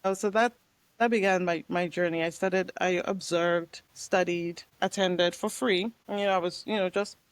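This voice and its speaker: A middle-aged woman from Nigeria, a guest telling her story emphatically in a relaxed interview chat. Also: moderate pace, no room sound. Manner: emphatic and lively, with sudden pitch jumps. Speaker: guest, real estate investor.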